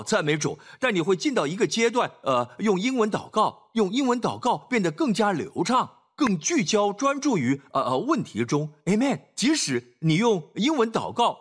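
A man preaches a sermon with a breathy, husky tone. His voice is high and swoops dramatically between peaks and dips. He presses his points hard, stumbles on filler sounds, and keeps tossing in "Amen.". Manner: emphatic, frequent filler sounds, sprinkles "Amen".

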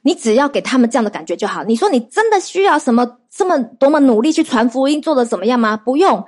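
Lively woman preacher telling testimonies. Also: sits high, fast. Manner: lively storytelling with rhetorical questions to the audience. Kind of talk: sermon.

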